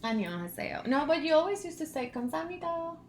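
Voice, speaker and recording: A woman whose first language is Spanish, chatting casually in an animated, storytelling way as a vlog host. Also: high-pitched, racing, a little hiss or hum. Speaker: channel host, language learner.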